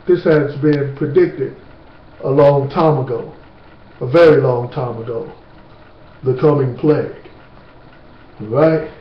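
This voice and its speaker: A man giving an informal lecture to camera, slow and emphatic, with blunt street-talk asides. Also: mid-range voice. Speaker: speaker on natural remedies. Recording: distant, roomy, dull with faint hiss.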